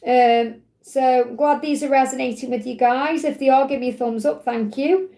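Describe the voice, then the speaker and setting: A middle-aged woman hosts a live tarot reading. Her voice sits high but has a mellow, relaxed tone with a slight croak. She reassures the listener, restating each point in short parallel phrases. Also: moderate pace. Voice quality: slightly croaky when hot. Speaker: tarot reader, live show host.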